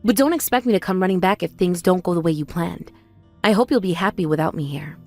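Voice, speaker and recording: An actress playing a hurt, loyal young sister in a family drama, speaking in an earnest, emphatic way. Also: female voice, on the high side, very animated, a little fast, darkish tone, soft background music. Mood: resigned. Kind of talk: dramatized family-conflict story dialogue.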